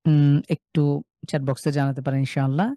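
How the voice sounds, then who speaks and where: Man, Quran recitation teacher, live online class, patient syllable drills, warm dark tone, dry close sound. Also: a little high, little pitch movement, brisk, no echo. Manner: addresses students by name, reads chat replies.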